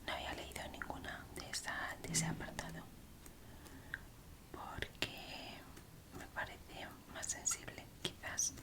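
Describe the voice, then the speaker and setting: In short, soft phrases, a woman reads true crime for an ASMR session. Her accent is Spanish from Spain, and she never rushes, using only a breathy, unvoiced whisper.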